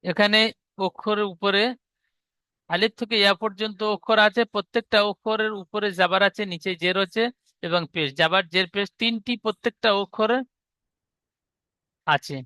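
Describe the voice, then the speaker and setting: A male teacher patiently explaining how to read Arabic letters, repeating each rule slowly. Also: sits high, bright, forceful tone, dry recording.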